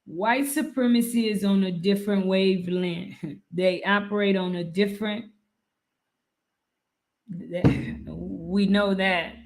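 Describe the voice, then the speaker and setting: A woman's voice: mid-range voice, steady tone, slow pace, long pauses. A woman hosting a live stream, speaking earnestly and repeating her points for emphasis. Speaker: livestream host.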